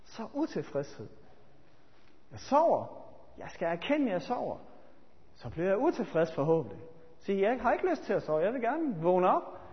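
A man with a high voice preaches a sermon, moving between loud, urgent appeals and quiet, reflective asides. The recording sounds dull, with long reverb trailing through a church hall. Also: huge pitch swings, long pauses.

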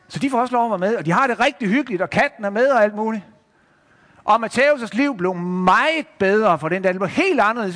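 Man, children's Bible storyteller, lively, high voice, long hall reverb. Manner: lively, addressing listeners directly, showing pictures.

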